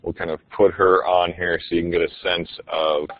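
A man's voice: low-pitched, little pitch movement, fairly quick, dry recording, highs cut off. A man, a teacher, giving a casual, enthusiastic webinar presentation with frequent ums.

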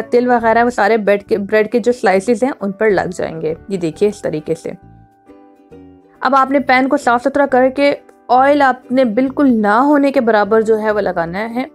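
A woman hosting a home cooking tutorial, talking through each step in a chatty, instructive way and often repeating herself. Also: on the high side. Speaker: cooking channel host.

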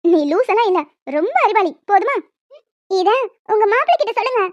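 A woman voicing a young wife and other women of a family in an animated story, with quick, expressive delivery. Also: extremely high pitch, no room sound. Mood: emotional chat. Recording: dry, dull lo-fi home mic.

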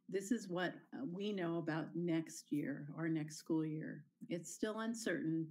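A woman principal addresses families on a video call, with a slightly low voice. She talks informally and stops now and then to restart a phrase. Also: darkish tone. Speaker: school principal hosting a town hall. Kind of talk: presenting to families over video.

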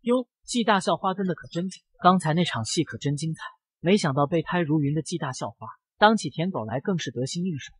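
A composed young woman, sharp-tongued and unshaken, voiced by a male narrator. The delivery is cool and mocking in a husky voice, recorded close. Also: fairly high pitch, lively intonation, fairly quick, hardly any pauses, dry recording. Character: cool-headed reborn young businesswoman.

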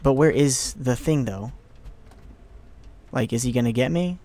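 A man's voice: mid-range voice, measured pace, dark tone. Young guy doing a lets play, gets worked up, swears, mutters to himself. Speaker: let's play gamer. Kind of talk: casual horror game commentary.

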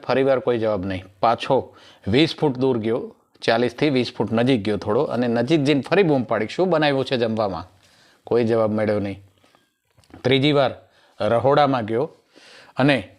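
A male comedian, telling jokes in a rustic storyteller manner and acting out each character. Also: mid-range voice. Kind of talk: stand-up joke telling.

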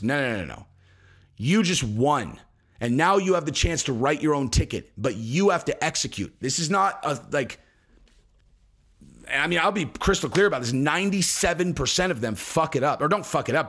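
A man in his forties hosts a solo MMA commentary show from a home studio, with screens of fight photos behind him and a desk podcast mic in front. He talks to camera intensely and emphatically, in heated commentary packed with profanity, fillers and restarts. His voice sits on the high side and sounds a bit bright.

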